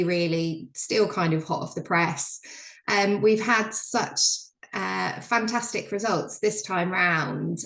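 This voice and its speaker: A woman's voice: mid-range voice, fairly bright tone, echoey room, poor audio. A woman giving a chatty, filler-heavy business update on a video call. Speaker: presenter on a member call.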